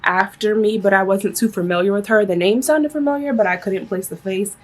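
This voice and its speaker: A woman's voice: mid-range voice, fairly quick. A woman of around thirty telling a personal story casually to her viewers in a chatty, conversational way. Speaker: vlogger.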